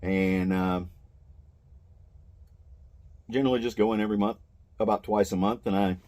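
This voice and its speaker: Older man, low voice, plain-spoken and aggrieved, casual rambling storyteller. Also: fairly even intonation, moderate pace, darkish tone. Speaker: mall booth vendor. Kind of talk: casual first-person storytelling.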